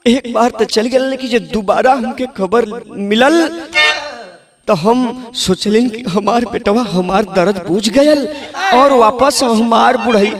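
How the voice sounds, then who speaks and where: Man doing weeping old mother, Bhojpuri accent, high voice, slow pleading lament. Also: crowd noise, exaggerated voice. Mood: mournful. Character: grieving old mother lamenting her lost son.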